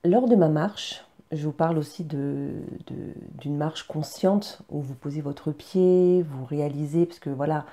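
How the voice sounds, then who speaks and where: In an unhurried, low-pitched voice with a dark tone and hardly any pauses, a woman shares her daily routine in a casual personal vlog. She addresses viewers directly, earnest and encouraging, though she often hesitates with fillers and restarts.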